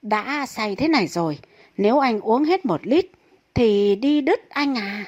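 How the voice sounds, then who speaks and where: A woman's voice: on the high side, lively intonation, unhurried, a little mellow, muffled recording, slight background noise. A woman voicing a drunk young husband who argues back with slurred, whiny excuses in a comic story.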